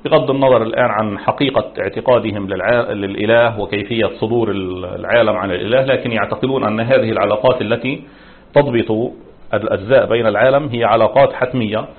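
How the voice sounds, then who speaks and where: A man's voice: lowish voice, quick pace. A man teaching as a religious scholar in formal standard Arabic, lecturing in a didactic, explanatory manner. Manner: didactic, explanatory, with rhetorical questions. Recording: muffled, narrow phone-like sound.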